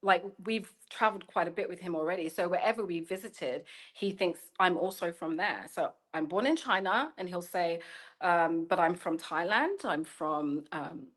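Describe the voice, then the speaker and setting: A woman's voice: fairly low pitch, moderate pace, fairly bright tone. A woman in her thirties, a journalist, speaks reflectively in an interview, searching for words and often saying "you know" as she goes. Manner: thoughtful, searching, with frequent "you know" and restarts. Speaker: guest, journalist and storyteller. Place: lives in China.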